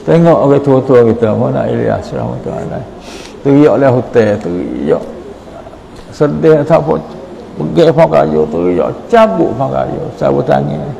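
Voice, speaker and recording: Gravelly Patani Malay preacher. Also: male voice, medium pitch, big pitch swings, moderate pace, warm tone, muffled recording, slight background noise. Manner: storytelling, quotes prayers and dialogue. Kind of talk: morning sermon. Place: mosque hall.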